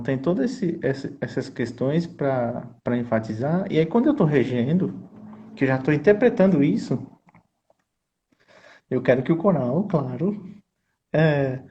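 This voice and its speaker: A man's voice: mid-range voice, warm tone, highs cut off, a little hiss or hum. A man, a choir conductor and composer, explaining his craft in an earnest, teacherly way and often checking in with his listener. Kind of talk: explanatory conversation.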